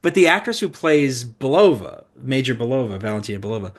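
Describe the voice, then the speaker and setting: A man's voice: mid-range voice, sing-song, fast talker. A man on a casual podcast, earnest and emphatic, reeling off film trivia. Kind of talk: casual chat.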